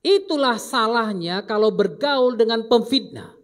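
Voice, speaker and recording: A man preaching a sermon as pastor, delivering emphatic commands and then dropping into low asides. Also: lively intonation, a little slow.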